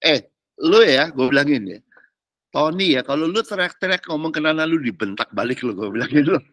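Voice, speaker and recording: Man, preacher, high voice, lively swoops, dry close sound. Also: brisk, dry recording. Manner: animated, teasing, slangy Jakarta street talk. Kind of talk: sermon.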